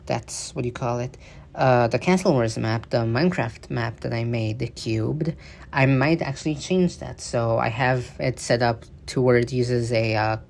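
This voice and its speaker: This man's voice sits at medium pitch with a darkish tone and vocal fry. As a gaming news video creator, he casually explains the features of a new game update over footage, frequently restarting and dropping fillers.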